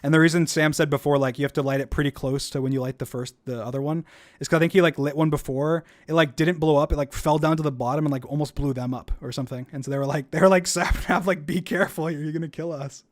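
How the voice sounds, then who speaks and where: A young man casually commenting on his own gameplay video, rambling with lots of "like" and quick restarts. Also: fairly high pitch, fairly even intonation, no echo, clean studio sound. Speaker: YouTuber reacting to own video.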